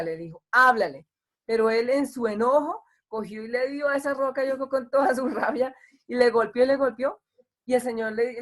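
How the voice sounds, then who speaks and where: A woman pastor with a slightly high, somewhat mellow voice preaches an online sermon in a conversational style. She acts out the complaints of the people she quotes.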